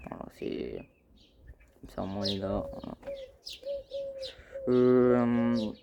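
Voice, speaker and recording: This gaming channel host talks very slowly in a steady, mid-range voice with vocal fry, over a muffled recording with background noise. His casual vlog is rambling and hesitant, full of fillers and repeated "les gars" aimed at viewers.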